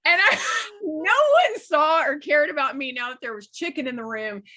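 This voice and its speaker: Author guest, woman from West Texas, somewhat high pitch, animated anecdotal storyteller. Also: normal speed. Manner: lively, animated storyteller who laughs while telling.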